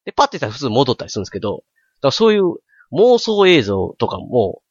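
A man in his forties with an Osaka accent, telling stories in casual chat, animated and full of sound effects. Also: mid-range voice, fast talker, husky, no echo, muffled recording. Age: 40s.

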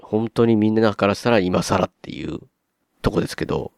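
A man with a Kansai accent, chatting on a podcast as a co-host and telling stories in an animated way, acting out his own surprised reactions. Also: fairly low pitch, brisk, clean tone, dry recording, studio quality. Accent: Kansai Japanese. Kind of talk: casual podcast chat.

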